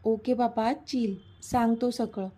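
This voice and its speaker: A woman's voice: a little high, fairly even intonation, slow, mellow, breathy edge. A woman voicing a playful, affectionate young man in a read-aloud story. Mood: teasing. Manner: teasing, easygoing. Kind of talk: storybook reading.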